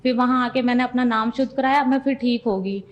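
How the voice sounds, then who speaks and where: A woman's voice: a little high, a little fast, muffled recording. A young woman giving an earnest personal testimony as a devotee, retelling conversations step by step.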